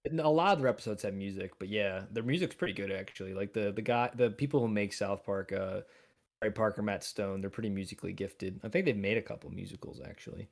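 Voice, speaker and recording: A man's voice: lowish voice, quick pace, creaky. A man co-hosting a casual livestream review, rambling and heavy on filler words. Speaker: co-host.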